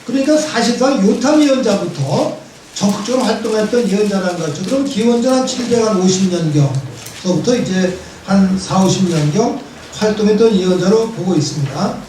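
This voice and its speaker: A man's voice: high voice, normal speed, a little hiss or hum. A man in his seventies, a priest giving a conversational Bible lecture, telling stories with wry humor in a church hall. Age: 70s. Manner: lively storytelling with wry humor. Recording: very echoey church hall from far off.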